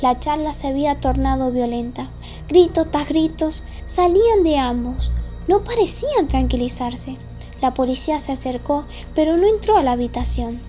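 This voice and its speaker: High, mellow-voiced woman narrating radio drama. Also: expressive, normal speed, faint music behind. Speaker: storyteller.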